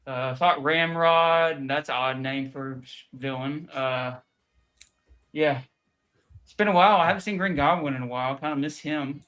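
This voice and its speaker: Man doing a jokey young superhero, out of breath, rambling, fairly high voice, video call. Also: normal speed, a bit bright, lightly acted. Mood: joking. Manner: joking, rambling in character. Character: male young adult superhero, jokey and weary.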